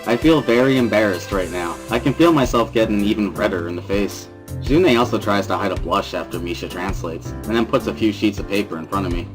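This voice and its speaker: Reading a visual novel aloud in the first person, this amateur narrator of a series speaks fairly quickly in a deep register. A clear bed of instrumental music runs behind his voice.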